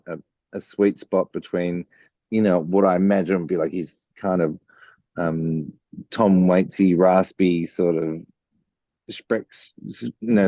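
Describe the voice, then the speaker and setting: Deep, dark bass-baritone man. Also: no room sound, lo-fi sound. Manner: chatty, storytelling with many fillers. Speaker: guest songwriter. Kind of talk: casual interview chat.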